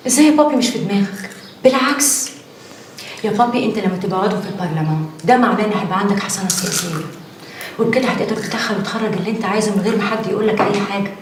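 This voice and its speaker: Fields: Accent: Egyptian. Figure: an actress playing a pushy scheming daughter. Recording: echoey. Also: female voice, medium pitch, rapid-fire, slight background noise, natural voice. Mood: persuasive. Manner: persuasive, insistent. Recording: echoey, distant.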